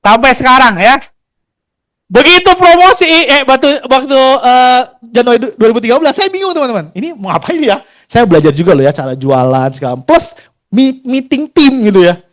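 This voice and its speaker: Man, 40s, rapid and animated motivational storyteller, slangy, acts out quotes. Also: very high voice. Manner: chatty, slangy, acts out quoted dialogue, laughs often. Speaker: insurance agent sharing his career story.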